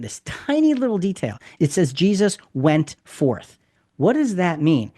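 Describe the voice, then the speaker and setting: A man's voice: fairly high pitch, a little mellow, dry recording, clean studio sound. Emphatic man leading a Bible discussion. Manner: emphatic, explanatory, repeats key points. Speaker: podcast host.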